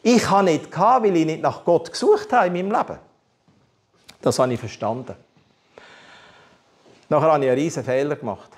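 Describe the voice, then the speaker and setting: A man's voice: fairly high pitch, normal speed, pauses often. A man with a Swiss German accent preaching a candid personal testimony, telling his story with animation and humor. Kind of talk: testimony sermon.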